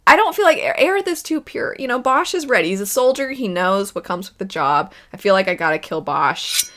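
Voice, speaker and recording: A woman's voice: mid-range voice, sing-song, a little fast, fairly bright tone. A woman hosting a casual chat, thinking aloud in a wavering, self-deprecating way. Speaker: video host. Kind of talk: casual chat, playing a pick-one game about video game characters.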